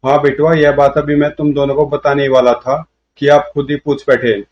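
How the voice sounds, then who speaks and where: A man's voice: on the high side, level tone, normal speed, natural voice. A man voicing a chatty old uncle explaining neighborhood gossip, in a comic storybook reading. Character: elderly male household elder, chatty neighbor. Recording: dull lo-fi audio.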